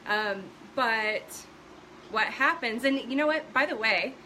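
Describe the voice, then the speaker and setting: Chatty host, middle-aged woman with a bright voice, easygoing live-stream explainer talk. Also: fairly high pitch, takes it slowly, slight background noise, poor audio. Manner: chatty, greets viewers by name, many fillers. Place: at home.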